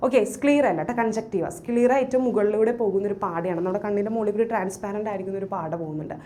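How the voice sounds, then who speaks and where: A woman teacher giving an online biology class with a Malayalam accent, asking quick questions and answering them herself, repeating key terms and mixing in English words. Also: medium pitch, warm tone, a little hiss or hum. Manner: quick, call-and-response questioning. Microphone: drawing on a screen while talking.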